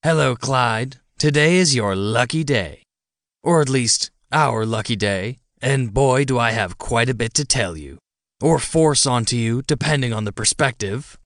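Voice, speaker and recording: A man voicing a tiny, smug, bat-winged male demon who mocks and threatens in a quick, lowered voice. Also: animated, a bit bright, no room sound, studio quality. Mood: mocking. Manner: mocking, quick, menacing.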